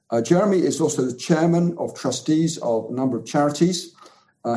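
A man's voice: medium pitch, mellow, poor audio. A man hosting an interview podcast, speaking a little hesitantly and repeating his phrases. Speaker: podcast host.

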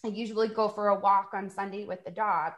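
Chatting on a podcast, this woman in her forties from New York tells stories, laughing while she acts out what people said. She speaks a little fast in a mid-range voice with fairly even intonation, recorded in an echoey room.

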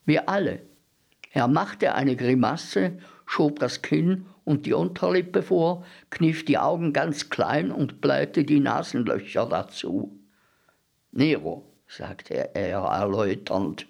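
A man giving a measured, expressive literary reading on the radio. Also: medium pitch, vocal fry. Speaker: reader.

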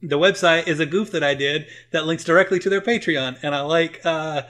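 A man's voice: on the high side, fairly quick, fairly bright tone. A man co-hosting a casual group podcast, joking around and plugging other shows. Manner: jokey, plugs shows playfully. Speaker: podcast co-host.

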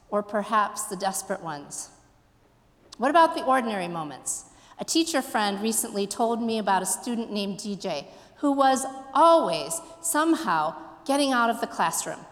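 A woman pastor giving a sermon, slow and reflective, asking her listeners questions. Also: a little high, long reverb tail.

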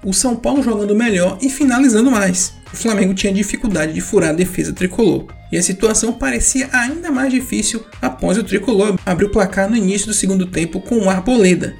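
A man's voice: sits high, fast talker, gravelly, few pauses, a little mellow, faint music behind. A man with a Brazilian accent hosting a football round-up in informal scripted narration, emphatic and colloquial, with playful slang.

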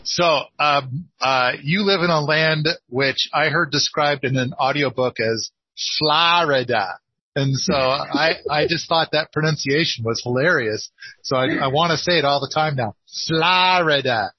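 A man's voice: on the high side, normal speed, slightly rough, dry recording. A man with a northeastern Oregon accent hosting a casual podcast consultation, rambling and self-deprecating with many restarts. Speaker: podcast host and permaculture consultant. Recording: dull lo-fi dry sound.

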